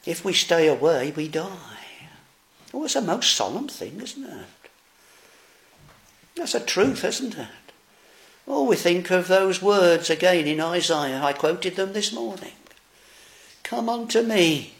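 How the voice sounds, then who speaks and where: A man preaching a sermon, slow, solemn and earnest. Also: high voice, very animated.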